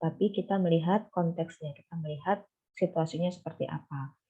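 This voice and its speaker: A woman's voice: deep voice, brisk, dark tone, husky, dull audio. A woman teaching English phone phrases in a bilingual lecture, explaining patiently and switching between two languages with frequent fillers.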